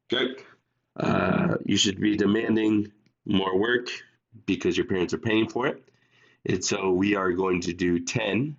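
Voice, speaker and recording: A man with a low, gravelly voice walks students through math problems step by step, sounding under the weather. The recording is dull and lo-fi, like a homemade lesson video. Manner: steady step-by-step explaining, talks to students directly. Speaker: math teacher.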